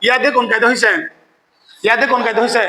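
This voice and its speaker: Bright, high-voiced male recitation teacher. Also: little pitch movement, echoey room, rough recording. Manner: quizzes students, often asks "কেমন?" to check understanding; chants verses slowly when demonstrating recitation. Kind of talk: classroom tajweed lesson.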